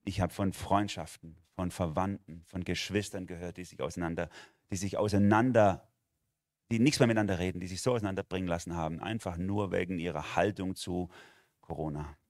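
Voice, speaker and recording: A man preaching a sermon in a lively, emphatic way, often acting out quoted voices. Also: sits low, a little fast, dry recording, studio quality.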